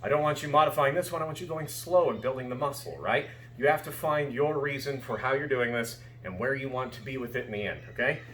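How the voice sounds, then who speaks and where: A man's voice: mid-range voice, fast talker, hardly any pauses, a bit bright. A man giving casual, explanatory fencing instruction, often checking that his students follow. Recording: echoey room with background noise.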